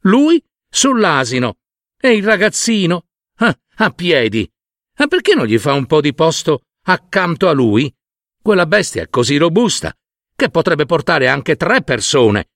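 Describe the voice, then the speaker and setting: Giovani di paese in tono di rimprovero da fiaba, fatti da un uomo; esclamativi. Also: male voice, a little high, big pitch swings, a little slow, fairly bright tone, dry recording, clean studio sound, pitched above the performer's own voice, full character voice. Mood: reproachful. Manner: exclaiming, reproachful. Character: mocking group of young men.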